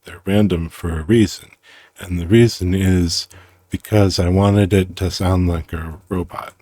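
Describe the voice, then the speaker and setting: Low slow-talking man musing aloud. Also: steady tone, mellow, dry recording. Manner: halting, self-interrupting, playful, muses aloud. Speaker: creator explaining his own programming system. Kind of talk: casual rambling screen-recorded explanation.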